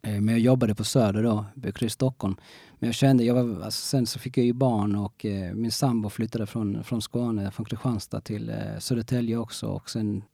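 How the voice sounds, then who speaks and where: Gravelly-voiced man in casual interview. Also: fairly low pitch, steady tone, mellow, no room sound, clean studio sound. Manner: halting, frequent restarts, many fillers.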